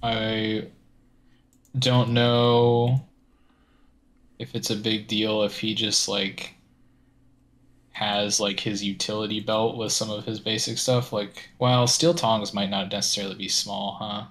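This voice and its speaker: A man's voice: lowish voice, little pitch movement, takes it slowly, long pauses, a bit bright. A man playing a tabletop game, chatting casually and thinking aloud tentatively. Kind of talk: casual chat.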